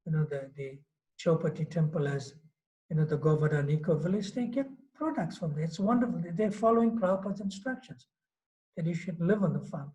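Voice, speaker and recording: On a muffled recording from Mauritius, a swami in his fifties delivers a devotional lecture in a relaxed, chatty style, sprinkling in "you know." His voice is on the high side and warm, animated and fairly quick.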